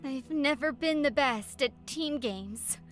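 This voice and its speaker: A woman's voice: sits high, slow pace, a bit bright, soft background music. A woman voicing a fiercely competitive, hot-tempered and petulant young female gamer in a video game. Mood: bitter resignation. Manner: aggressive, petulant.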